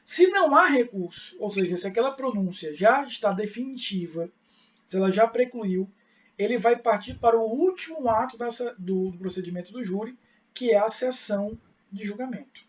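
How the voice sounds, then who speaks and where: A man's voice: high-pitched, expressive, moderate pace, distant mic, highs cut off. A man with a Brazilian accent giving a live online law lecture, explaining step by step, asking rhetorical questions and checking in with students. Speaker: law professor.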